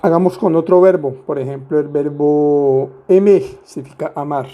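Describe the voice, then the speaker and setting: A man with a slightly high voice teaches French grammar step by step at a moderate pace, on a recording with the highs cut off. He's patient and playful, tossing in rhetorical questions and asides for the listener.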